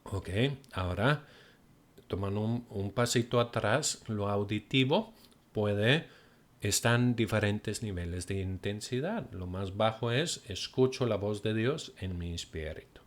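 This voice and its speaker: A male pastor teaching in a sermon, slow and deliberate, explaining with pauses and examples. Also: lowish voice, expressive.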